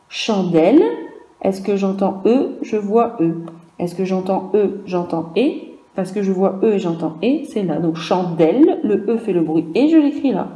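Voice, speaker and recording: A woman with a French accent teaching young children, speaking slowly and patiently, drawing out sounds and asking questions aloud. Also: mid-range voice, dark tone, roomy sound. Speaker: primary school teacher. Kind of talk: recorded virtual class lesson for young children.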